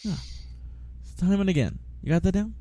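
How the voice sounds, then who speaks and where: A man's voice: sits high, brisk, no echo. A congested man with a rattly, chesty, phlegmy voice, chatting casually and playfully as a podcast co-host. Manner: animated, jokey, playful. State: congested, coughing with a cold.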